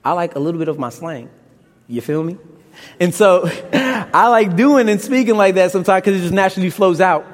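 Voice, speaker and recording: A young Brooklyn man with a Brooklyn accent preaches a sermon on a campus, his voice high, animated and brisk. He fires off impassioned rhetorical questions with a bit of casual slang, and a large hall gives the recording long reverb.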